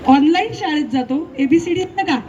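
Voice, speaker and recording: High-voiced woman scolding her puppet. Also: lively intonation, brisk. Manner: scolding, teacherly questioning. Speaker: ventriloquist performer. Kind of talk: live stage comedy. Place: live event with audience. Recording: lo-fi live recording, noisy crowd.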